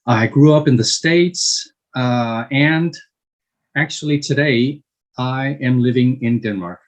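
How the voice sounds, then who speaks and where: A man in his fifties from Chile, answering interview questions slowly with frequent hesitations and restarts. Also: medium pitch, rough recording. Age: 50s. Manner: slow, halting, many fillers and restarts. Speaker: guest.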